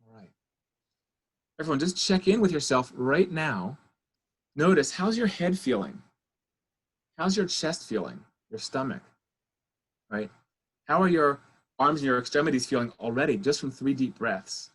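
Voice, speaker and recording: A middle-aged child therapist runs a parenting webinar over a video call, lecturing and guiding the audience through breathing exercises. His medium-pitched voice is husky, expressive and fairly bright, moving at a moderate pace with long pauses.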